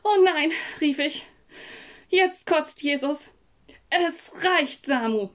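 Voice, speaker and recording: A woman reads a children's story aloud in a calm, even way. Her voice sits fairly high, and the telling is steady and clear. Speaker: narrator. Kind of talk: storybook reading.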